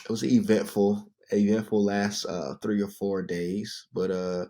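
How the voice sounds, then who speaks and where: A man in his thirties co-hosting a podcast, telling stories in a relaxed, casual way with plenty of fillers. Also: on the low side, unhurried. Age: 30s. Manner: relaxed storytelling, many fillers. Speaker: podcast co-host. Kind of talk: casual chat.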